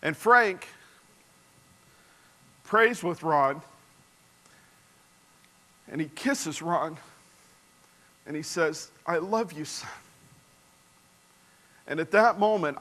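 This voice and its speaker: Man, 40s, sermon storyteller: earnest, bright and a touch high, addresses the congregation directly. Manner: earnest, drops to a soft hushed voice for tender moments; engages the audience directly.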